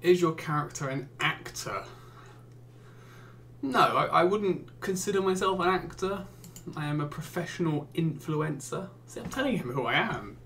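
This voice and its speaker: A man's voice: on the high side, lively intonation, moderate pace, a bit bright, slight background noise. A man with an English accent giving casual gaming commentary, reading out questions and answering them with wry, exasperated jokes. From England. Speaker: YouTuber and streamer.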